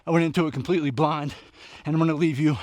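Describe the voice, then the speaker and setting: A man's voice: on the high side, steady tone, racing, darkish tone, no echo, studio quality. Out-of-breath man vlogging while running. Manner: talking while running and walking, breathy short phrases. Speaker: book reviewer vlogger. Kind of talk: casual book recap vlog recorded on a run. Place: outdoors at night.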